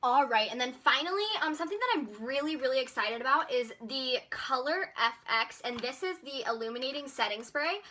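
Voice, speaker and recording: A woman's voice: high-pitched, lively intonation, a little fast, few pauses, sharp tone. A young woman chatting in a casual makeup haul vlog, bubbly and full of filler words. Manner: chatty, bubbly, lots of likes and ums. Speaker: beauty vlogger.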